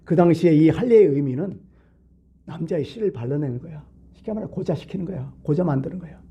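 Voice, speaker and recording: At a midweek service in the church sanctuary, a male pastor on the high side speaks briskly in a mellow, husky voice. He addresses the congregation conversationally, tossing out rhetorical questions.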